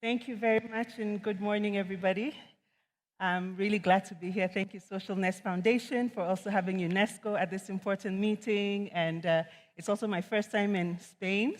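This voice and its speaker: Woman economist from Ghana, measured conference speaker, mid pitch, long hall reverb on a stage mic. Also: fairly even intonation. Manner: measured, earnest, with frequent ums. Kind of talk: conference talk.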